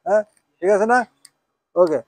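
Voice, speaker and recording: High-voiced man teaching a class. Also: moderate pace, no echo. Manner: checks with students, asks "হ্যাঁ?" often; switches between Bengali and English, spells Arabic out. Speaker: Quran teacher. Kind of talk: informal class lesson.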